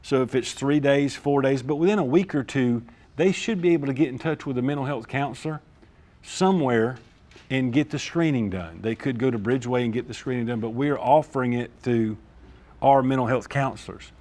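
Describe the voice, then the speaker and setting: A school district administrator walks a meeting through discipline procedures. He talks informally, keeps checking that people follow him, and speaks at a middling pitch. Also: fairly quick, a little mellow. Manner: informal, repeats "all right?" to check understanding. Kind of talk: explaining procedures at a staff meeting.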